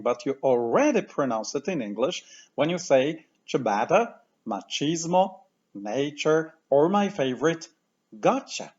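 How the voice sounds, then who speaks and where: A man teaching pronunciation patiently, saying each word slowly and repeating it for the listener to copy. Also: fairly high pitch, darkish tone, muffled recording. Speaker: language teacher. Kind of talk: slow, clear pronunciation lesson.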